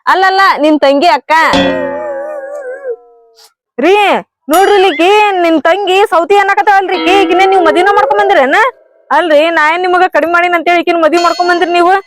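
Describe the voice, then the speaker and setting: Woman voicing a fiery, fast-talking cartoon village wife with a North Karnataka accent. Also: very high-pitched, background noise. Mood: reproachful. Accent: North Karnataka Kannada. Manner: scolding, rapid-fire rhetorical questions. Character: quick-tongued, nagging village wife, fiery.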